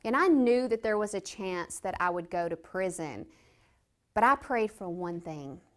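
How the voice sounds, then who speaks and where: A woman's voice: expressive, measured pace. Woman telling her recovery testimony. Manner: storytelling, acts out quoted voices with big pitch jumps. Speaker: reentry speaker. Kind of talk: personal testimony talk.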